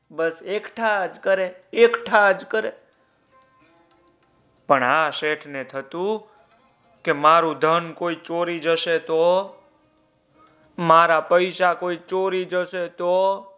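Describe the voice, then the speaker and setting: A man telling a children's story, lively and speaking directly to his young listeners. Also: high voice, slow pace, pauses often, faint music behind.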